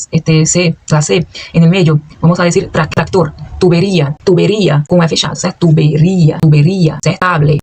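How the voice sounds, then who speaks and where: Husky-voiced man, quick language teacher, repeats each word to drill it. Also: fairly high pitch. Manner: repeats words slowly to drill pronunciation; checks in often with "certo?". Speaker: Spanish teacher. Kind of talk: online language lesson.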